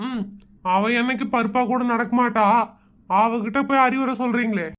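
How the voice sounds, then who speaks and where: Guy, kinda high voice, grumbling and sarcastic the whole time, comedy skit. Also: fairly even intonation, normal speed, lo-fi sound. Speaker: comedy sketch performer.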